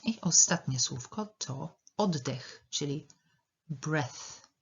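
A woman leads an English lesson, going word by word and saying each one twice. Her voice is a little husky and she speaks slowly. The recording sounds dull and lo-fi. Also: sits low, expressive. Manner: slow, careful, repeats words for pronunciation. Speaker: English teacher. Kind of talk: language lesson.

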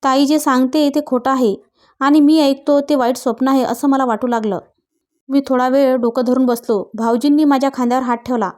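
A woman narrating a moral story in an even, reading storytelling manner. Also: sits high, brisk.

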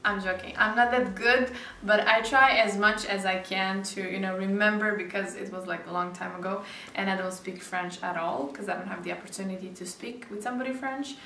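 Chatting in her second language, English, a young beauty vlogger from Serbia talks to the camera from a sunny living room with plants and a sofa, laughing lightly and saying "like" often. Her mid-range voice is steady, brisk, creaky, bright, and forceful. The recording has a faint hiss or hum, roomy echo, and a somewhat distant mic.

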